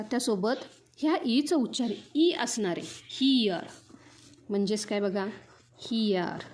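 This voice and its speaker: A young woman teacher with a Marathi accent, explaining sounds to pupils and often repeating her questions. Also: a little high. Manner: repeats questions to students, spells out sounds slowly. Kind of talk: classroom lesson explaining English vowel sounds.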